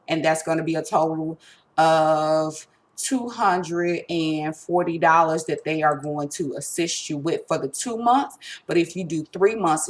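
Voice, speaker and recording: A woman with a deep, fairly bright voice gives an informal step-by-step tutorial as a resource center presenter. She's instructive and emphatic, often checking that listeners are following along.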